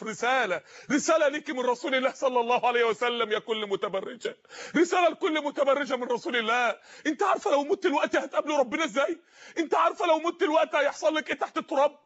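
A man preaching an impassioned sermon in an Egyptian accent, pleading and shouting, repeating his phrases for emphasis. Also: very high-pitched, dull audio. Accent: Egyptian Arabic.

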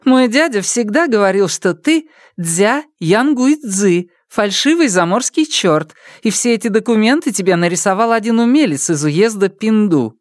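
A warm, earthy village mother with a teasing, coaxing lilt, as a man puts her on. The voice sits well above the reader's own and rises and falls freely. It is dry and close, read for an audiobook story. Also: lively intonation, moderate pace, few pauses, no echo. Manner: teasing, coaxing, raised higher voice.

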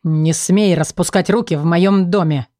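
A woman's voice: low-pitched, brisk, a little mellow, dry recording, clean studio sound, pitched below the performer's own voice, natural voice. A woman voicing a cold, stern male count who speaks curtly. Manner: curt, icy.

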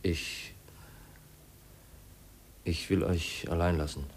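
A deep-voiced gentle young man. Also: fairly even intonation, takes it slowly, a little hiss or hum. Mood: soothing. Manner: soft, soothing. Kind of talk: 1950s radio drama acting.

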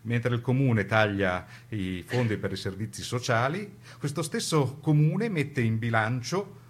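Narrating a radio documentary play from a script, a man speaks in a medium pitch with lively intonation, pausing for weight and leaning on emphatic, rhetorical phrasing. There's a slight hiss or hum in the audio.

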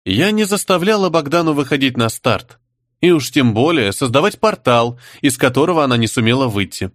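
A man reading the part of a composed young woman who answers an interrogation calmly and with pointed defiance. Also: medium pitch, no room sound, clean studio sound, lightly acted. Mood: calm defiant. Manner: calm, measured, pointed.

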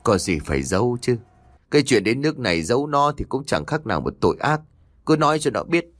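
A man playing a stern older uncle who speaks low, slow and grave. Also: big pitch swings, fairly bright tone, no room sound. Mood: blunt.

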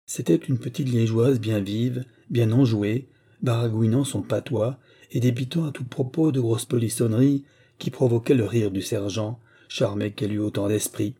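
A male audiobook narrator with a very dark, mellow tone and a husky grain. He reads the memoir in a measured, storytelling manner at a steady middle pitch.

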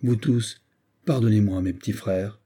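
A man's voice: lowish voice, measured pace, warm tone, slightly rough. A man voicing a proud young Romani horse thief who speaks in a solemn, declaiming way in a spoken audiobook. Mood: grim.

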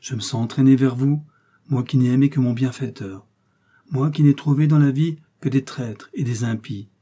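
A man's voice: mid-range voice, fairly even intonation, moderate pace, mellow, slightly rough, close to an everyday voice. A man reading aloud and voicing an earnest, fervent young puritan officer.

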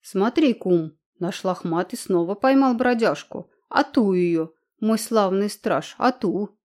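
A woman doing a slow gloating townsman. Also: medium pitch, darkish tone, natural voice. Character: cruel townsman setting a dog on a vagrant.

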